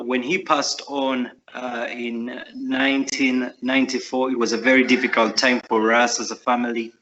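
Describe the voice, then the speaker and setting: A man's voice: medium pitch, fairly bright tone. Earnest Ugandan man, muffled recording. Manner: earnest, reflective, frequent fillers. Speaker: guest author. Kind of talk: interview answers. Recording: muffled lo-fi audio.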